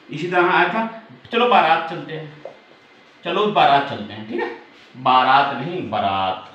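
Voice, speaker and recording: A man's voice: fairly high pitch, a bit bright. Man teaching in a muffled echoey room. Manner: repeats words slowly, checks in often. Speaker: Hindi teacher. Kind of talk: online exam-prep lesson. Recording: muffled echoey room, faint background hum.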